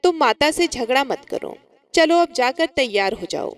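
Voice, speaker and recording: A woman voicing a gentle young husband who coaxes his wife, in a told story. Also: sits high, lively intonation, moderate pace. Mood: coaxing.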